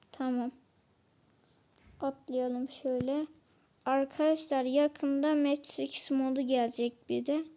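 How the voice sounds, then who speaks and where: High, slow-talking mellow gameplay commentator. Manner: chatty, talks to viewers while playing, grumbles about weapons. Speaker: mobile game player and channel host.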